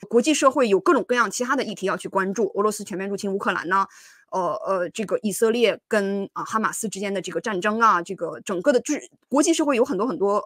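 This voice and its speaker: A woman's voice: mid-range voice, a bit bright, slightly rough, no echo, clean studio sound. A woman hosting a livestream of political commentary, talking casually with many fillers and restarts and breaking into scolding asides.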